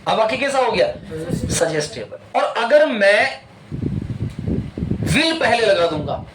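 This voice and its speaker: Male English teacher, high voice, drills students with questions; noisy classroom. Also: big pitch swings. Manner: quizzing students with repeated questions, drawn-out English phrases. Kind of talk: classroom language lesson. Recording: echoey room with loud background noise.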